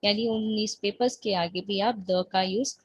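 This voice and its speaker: Woman, grammar teacher, husky voice, dry close sound, patient slow explanations. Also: mid-range voice, fairly even intonation, no echo. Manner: patient, explains slowly, checks in with the listener often; reads example sentences very slowly. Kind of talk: explanatory online lesson.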